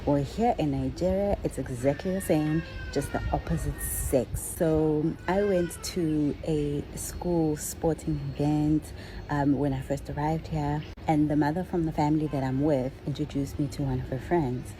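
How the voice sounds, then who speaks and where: Low-voiced woman vlogging. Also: a little slow. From South Africa. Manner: animated, acts out quotes, conversational. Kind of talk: casual storytelling vlog. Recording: noisy background.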